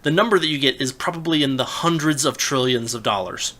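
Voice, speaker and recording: A young adult man in casual political talk, animated and incredulous, often restarting his sentences. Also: medium pitch, a little fast. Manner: animated, rising to loud incredulous emphasis; restarts and stammers mid-sentence. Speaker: podcast co-host.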